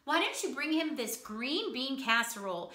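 A hopeful young pilgrim girl from a children's storybook speaks earnestly to her animal friends, as a woman puts her on. The voice is high and bright, in a roomy, echoing space. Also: big pitch swings, normal speed, exaggerated voice. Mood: coaxing.

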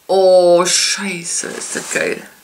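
A woman chatting casually as she unboxes makeup, gushing with many soft whispered asides. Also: medium pitch, very animated, measured pace, slight background noise. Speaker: beauty vlogger.

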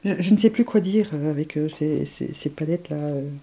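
Woman, beauty vlogger, excitable, gushing, hushed murmurs, gravelly, low-pitched. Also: fairly quick. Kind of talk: makeup swatch commentary.

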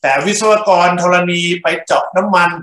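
A man's voice: moderate pace, a bit bright. A male engineering lecturer working through problems in class, speaking in short bursts and checking in with his students. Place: lecture room. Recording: echoey classroom.

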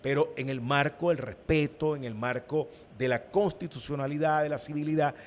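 A man's voice: on the high side, steady tone, moderate pace, a little hiss or hum. A Venezuelan man, an opposition party leader, speaking as a guest in a political interview, emphatic and given to repeating his words.

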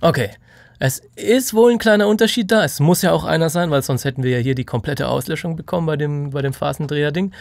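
A man's voice: on the high side, vocal fry, no echo. A man explaining recording techniques in a casual tutorial, sometimes moving away from the microphone to demonstrate. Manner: demonstrates mic distance by moving off and back. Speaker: audio engineer explaining recording. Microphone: studio microphone.

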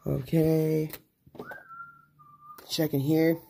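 A woman's voice: sits low, flat delivery, drawn-out words, vocal fry, dark tone, a little hiss or hum. A woman hosting a plush toy show, chattily narrating her toy play and talking to herself. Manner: chatty, talks to herself while acting out play.

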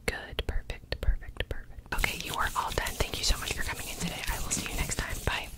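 A young woman in her twenties doing a fast ASMR whispered role-play as a brisk medical examiner, giving clipped, repetitive instructions close to the mic. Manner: fast, brisk, clipped ASMR delivery with repeated short words. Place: small indoor room with gaming chair. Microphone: desk microphone close in front of her.

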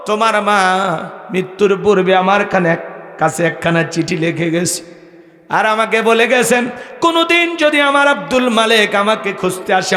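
A man voicing a kindly elderly village aunt who gently consoles a grieving young man in a sermon story. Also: sits high. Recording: echoey hall, long reverb.

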